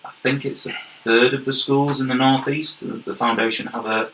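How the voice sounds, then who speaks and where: A young man from York, England, with a Yorkshire accent, is a guest on a casual interview, earnestly explaining his job as a health and wellbeing manager at length and often repeating words. His voice is medium-pitched and a bit bright, with fairly even intonation and a moderate pace. The recording is roomy and echoey, with slight background noise.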